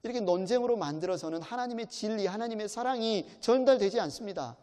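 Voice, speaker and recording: A man's voice: sits high, lively intonation, fast, dark tone. A male pastor preaching a sermon in a church, earnest and addressing the congregation directly with questions. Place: church sanctuary. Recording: long church hall reverb.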